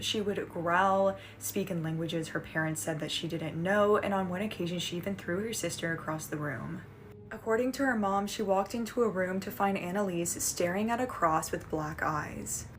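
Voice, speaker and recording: A woman with a fairly low voice narrates a scripted true story in a conversational way. There is clear background noise behind her speech.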